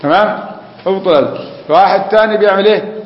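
A man's voice: high voice, very fast. A man with an Egyptian Arabic accent teaching a religious lesson. He explains step by step, keeps asking the class questions, and chants phrases to demonstrate them. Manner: chants the call to prayer to demonstrate it. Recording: echoey hall, dull lo-fi sound.

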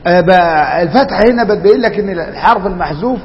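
A man's voice: high-pitched, lively intonation, fast talker, long reverb tail, lo-fi sound. A man with an Egyptian Arabic accent teaching a classroom grammar lesson, quizzing students and repeating their answers.

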